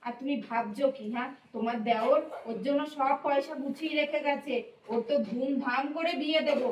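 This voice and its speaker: A woman's voice: high voice, fairly even intonation, fairly quick, distant mic, a little hiss or hum, lightly acted. An actress playing a protective mother in a family drama, soothing and defensive in turn. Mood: pleading. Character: protective mother of grown son.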